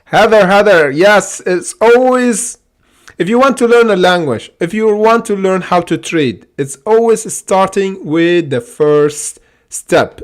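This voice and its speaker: An excitable man whose first language is Arabic hosts a stock trading livestream, casually commenting on charts. His voice is high and slow, and he keeps repeating "okay?" along with lots of fillers.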